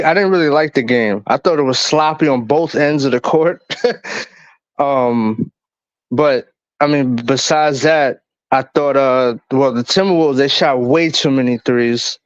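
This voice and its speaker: A man's voice: medium pitch, no echo. A man calling in over a phone line for a casual chat, brash and slangy, laughing often. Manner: brash, slangy trash talk with frequent laughter. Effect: heard over a phone call. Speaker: caller on a livestream. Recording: dull, lo-fi phone audio.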